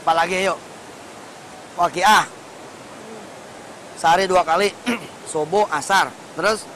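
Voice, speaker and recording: A male preacher gives a lively, colloquial sermon and keeps asking the congregation questions. His voice sits high for a man. A faint hiss runs under the recording. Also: takes it slowly, rough recording. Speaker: Islamic preacher.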